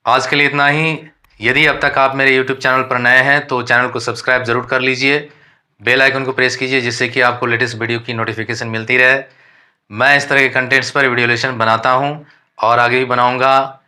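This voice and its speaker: A man with an Indian accent teaching a lesson, reading English definitions slowly and explaining them in Hindi with questions to the learners. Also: mid-range voice, little pitch movement, sharp tone.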